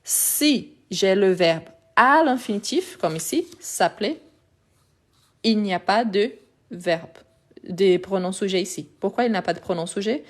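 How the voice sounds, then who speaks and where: A woman's voice: medium pitch, expressive, measured pace. A woman teaching French grammar in a live lesson, patient and methodical, repeating examples step by step, Portuguese her first language.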